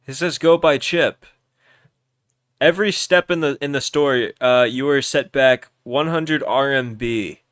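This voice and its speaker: A young man hosting a livestream, loudly and teasingly narrating an improvised role-play game and often restarting his words. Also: medium pitch, normal speed, hardly any pauses, clear, resonant tone, no room sound, studio quality.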